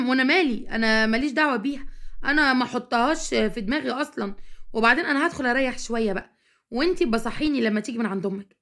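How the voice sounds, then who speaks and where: Brief: a woman playing a sheepish Egyptian husband, hesitant excuses, quick delivery. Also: on the high side, a bit bright. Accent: Egyptian Arabic.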